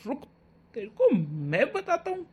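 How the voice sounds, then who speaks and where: A hotheaded young son, put on by a woman in a cartoon family drama, his voice high and swooping. He blusters loudly in defense of his mother. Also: huge pitch swings, a little slow, husky, heavily acted. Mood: protective.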